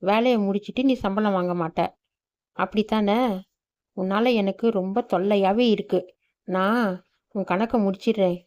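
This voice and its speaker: A woman's voice: medium pitch, steady tone, moderate pace, pauses often, darkish tone, highs cut off, natural voice. A woman voicing a curt, stern employer lady. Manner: curt and dismissive.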